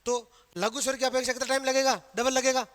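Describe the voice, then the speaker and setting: Male grammar teacher, high voice, Rajasthani Hindi accent, self-quizzing lecture style. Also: flat delivery, quick pace, a bit bright. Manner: quizzing students with questions he answers himself. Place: classroom. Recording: long reverb of a hall.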